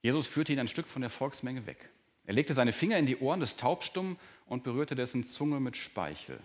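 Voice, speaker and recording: German pastor preaching with quiet emphasis. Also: male voice, medium pitch, very animated. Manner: earnest, varies pace and volume, drops to soft, slow emphasis. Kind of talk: sermon. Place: church hall with a projector.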